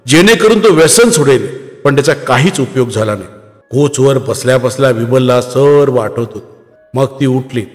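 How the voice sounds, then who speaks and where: Calm male storyteller with long reverb. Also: medium pitch. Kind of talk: scripted narration. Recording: long reverb, faint music.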